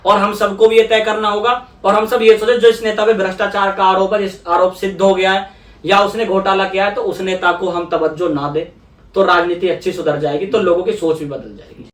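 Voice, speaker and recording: Speaking as an interview guest, a young politician from India explains earnestly in a higher, slightly bright voice, often repeating phrases for emphasis. He talks briskly with fairly even intonation, and the mic is distant in an echoey room.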